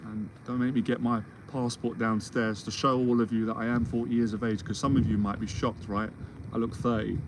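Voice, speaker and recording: A man's voice: medium pitch, little pitch movement, fairly quick, noisy background. A man of forty, a confidence mentor, talking in a rambling, reassuring solo Q&A and often restarting his sentences. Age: 40s. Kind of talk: solo Q&A monologue. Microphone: livestream or video call setup.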